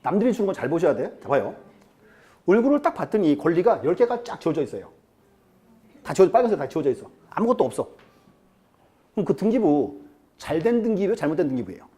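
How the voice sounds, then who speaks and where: A man teaching real estate law speaks fast in a high, mellow voice with big pitch swings, pausing often. His style is chatty, full of questions for the class and acted-out quotes.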